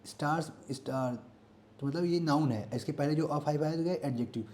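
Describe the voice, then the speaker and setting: A man's voice: fairly high pitch, darkish tone. A man with an Indian accent teaching English grammar for exam prep. He asks the class questions, answers them himself and repeats key words. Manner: reads English example sentences slowly and carefully.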